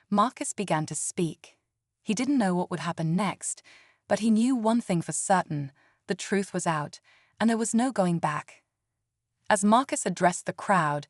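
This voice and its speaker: A woman reading a dramatic story in a measured scripted narration. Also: fairly low pitch, dry recording, clean studio sound.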